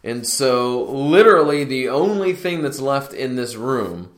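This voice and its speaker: A man's voice: medium pitch, lively intonation, a little slow. Upbeat man host in an echoey bare room. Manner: upbeat, chatty, talks straight to listeners. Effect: echo of a near-empty room, like a hall. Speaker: podcast host. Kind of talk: casual podcast intro. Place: near-empty home room being remodeled. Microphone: laptop recording setup.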